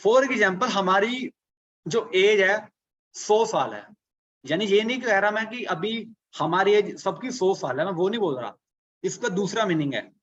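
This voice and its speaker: High-voiced man coaching a live webinar. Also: animated, a little slow, a bit bright, dull audio. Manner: repetitive, rhetorical questions, walks through arithmetic step by step. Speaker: online business coach. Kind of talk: live online workshop.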